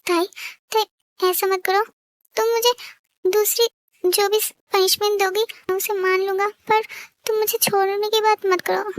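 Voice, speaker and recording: A woman's voice: very high-pitched, flat delivery, unhurried, long pauses, no room sound, studio quality. Woman playing a jealous, hot-tempered young husband. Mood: pleading. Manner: harsh, scolding, then begging. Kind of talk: fan-fiction audio story.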